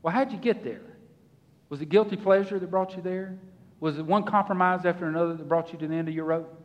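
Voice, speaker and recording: Male pastor, high voice, folksy animated sermon, long church reverb. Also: fast, lo-fi sound.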